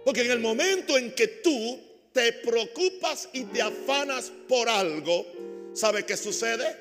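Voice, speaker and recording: A man preaching a sermon as a pastor, calling on the congregation to repeat after him and swinging between loud emphatic bursts and quiet asides. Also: very high-pitched, expressive, a little slow, big-room sound, music in the background. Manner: preaching with call-and-response to the congregation.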